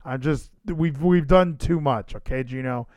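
A man's voice: medium pitch, unhurried, darkish tone, no room sound. A man hosting a podcast livestream in casual chat, rambling and emphatic, repeating phrases for effect. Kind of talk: casual wrestling show chat.

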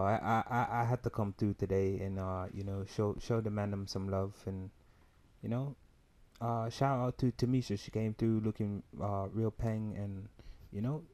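Male co-host, dark lowish voice, swaggering casual banter with swearing. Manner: swaggering, profane, slangy. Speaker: podcast co-host.

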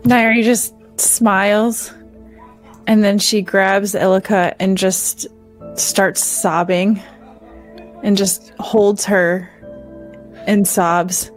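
A woman player describes her character's actions at an easy, unhurried pace. Her manner is casual and chatty, at a middle pitch for a woman. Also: steady tone, faint music behind. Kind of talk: tabletop game play.

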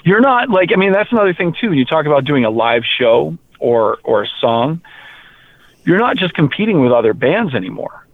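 A man from rural Maine, a heavy metal musician, talking casually in an interview, animated and quick to repeat words. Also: on the high side. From rural Maine, USA. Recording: tinny phone-like line.

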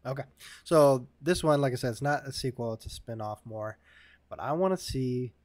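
A man's voice: medium pitch, moderate pace, darkish tone, no echo. A man in his thirties co-hosting a casual movie podcast, laid-back and agreeable, often laughing. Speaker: podcast co-host.

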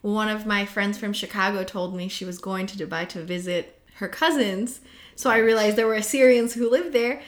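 A woman's voice: medium pitch, normal speed. A woman interviewing a guest, asking curious, conversational questions. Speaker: podcast interviewer.

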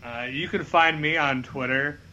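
A man's voice: a little high, moderate pace, bright, forceful tone, a little hiss or hum. A man chatting casually as a podcast panelist, opinionated and rambling, on a dull voice track. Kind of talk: casual football discussion.

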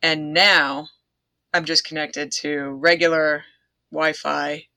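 A woman's voice: low-pitched, little pitch movement, takes it slowly, bright, forceful tone, dry recording. A woman chatting casually on a video call from her home office, talking with lots of "like" and laughing easily. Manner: chatty, laughs often, uses filler "like". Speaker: conversation partner. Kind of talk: casual chat.

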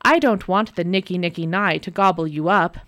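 A gentle young woodsman from a storybook, soft and worried as he gives his advice, in a woman's reading voice. His words come slow and pleading. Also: fairly low pitch, no echo, close to an everyday voice.

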